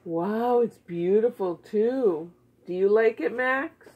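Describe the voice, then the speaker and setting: A woman with a mid-range, breathy-edged voice talks slowly and encouragingly, posing short, simple questions as though to a child at a home puppet show. She's in the living room next to a Christmas tree, recorded by a phone camera a short way away, and the audio sounds narrow and tinny.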